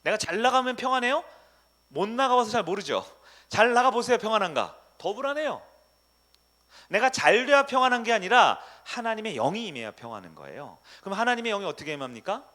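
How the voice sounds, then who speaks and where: A man's voice: high voice, sing-song, fairly quick, sharp tone. A man preaching a sermon as pastor at a prayer meeting, asking the congregation questions and answering them himself.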